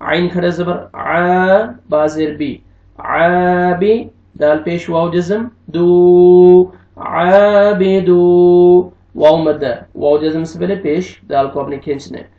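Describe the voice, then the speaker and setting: A man teaching Quranic recitation, spelling out each syllable slowly and drawing out the recited words. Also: on the high side, fairly even intonation, warm tone. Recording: echoey, distant, dull lo-fi room sound.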